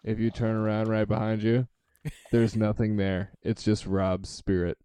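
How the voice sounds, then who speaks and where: A man co-hosting a podcast from home, his voice sitting low as he jokes and teases the others. His talk is loose and rambling. The sound is dry and close. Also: little pitch movement, normal speed, dark tone, clean tone, no echo. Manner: joking, teasing, loose and rambling. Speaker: podcast co-host and band member. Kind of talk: casual chat. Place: home, over a video call.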